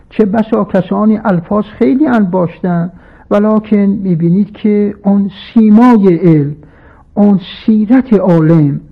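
A man's voice: high-pitched, creaky. A man preaching a sermon in a formal, learned manner, quoting scripture in Arabic and reciting verse. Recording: tinny phone-like radio broadcast.

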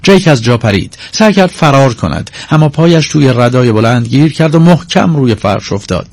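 Male audiobook narrator, steady measured reading, middle pitch, close mic, totally dry no room sound. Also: creaky, no room sound. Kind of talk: scripted narration.

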